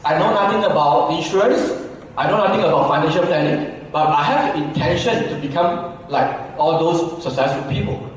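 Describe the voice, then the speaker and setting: A man's voice: fairly high pitch, normal speed, slight background noise. A man in his forties, from Malaysia, giving a conversational seminar talk to an audience. He asks the crowd questions and keeps adding "right?". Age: 40s. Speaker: business speaker. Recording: echoey hall from far off.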